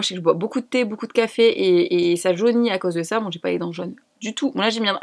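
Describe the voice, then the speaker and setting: A woman from France chatting casually in a beauty haul video, enthusiastic and fond of repeating words for emphasis. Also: mid-range voice. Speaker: beauty vlogger.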